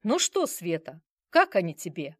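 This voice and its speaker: A woman's voice: on the low side, huge pitch swings, measured pace, no echo, clean studio sound, exaggerated voice. A woman doing a doting, teasing grandfather. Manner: jokingly instructive, teasing. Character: doting, bossy grandfather holding toddler. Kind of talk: audiobook character reading.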